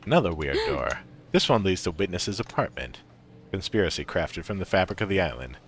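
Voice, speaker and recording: Man, deep register, lively intonation, casual game streamer commentary, music behind. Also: fairly quick.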